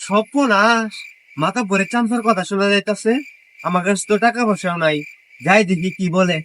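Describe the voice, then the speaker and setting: A man's voice: high-pitched, a little fast, fairly bright tone, slight background noise. A man with a rural Bangladeshi Bengali dialect, playing a poor debtor villager who pleads and argues in a comedy skit. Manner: pleading, defensive.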